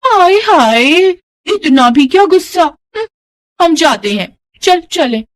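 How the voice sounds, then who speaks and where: A woman voicing a nosy neighbor woman who gossips and taunts in a sing-song, drawn-out way. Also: very high-pitched, sing-song, no room sound, voice pushed up, full character voice. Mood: taunting.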